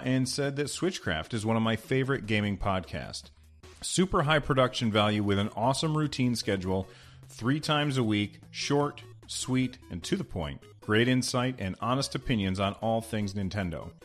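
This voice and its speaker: A man with a slightly low voice hosts a gaming podcast in a casual, conversational way. He speaks straight to his listeners. The room is untreated, so his voice carries an audible echo. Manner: conversational, addresses listeners directly. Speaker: podcast host. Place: new, unfinished home studio room with bare corners.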